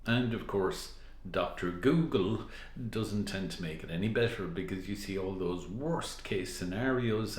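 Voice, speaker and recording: Slow, measured hypnotist, low male voice. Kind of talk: explanatory talk to listeners. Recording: roomy, echoing sound.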